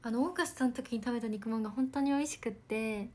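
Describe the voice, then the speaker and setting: Bubbly young woman on a stream, slightly high voice, giggles a lot, soft and chatty. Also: quick pace. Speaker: idol livestreamer. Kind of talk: casual livestream chat reading comments.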